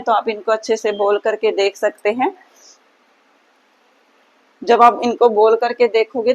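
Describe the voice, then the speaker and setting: A woman's voice: fairly high pitch, dull audio. A woman teaching Sanskrit grammar for an exam, often asking her own questions and answering them. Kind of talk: exam-prep lesson.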